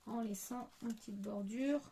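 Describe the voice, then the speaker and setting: A woman's voice: on the high side, normal speed, dark tone, slightly rough. A woman hosting a card-making tutorial, thinking aloud with many hesitations. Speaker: crafting tutorial host.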